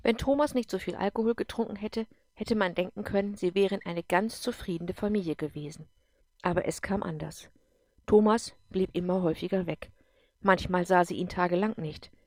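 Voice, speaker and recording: A woman narrating an audiobook in an even, measured storytelling voice. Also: lowish voice, dry recording, clean studio sound.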